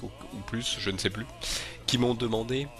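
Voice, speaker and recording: Over music, a channel host with a head cold makes a casual video announcement, his mid-range voice steady and his speed normal. He meanders and hesitates, often restarting and filling gaps with sounds.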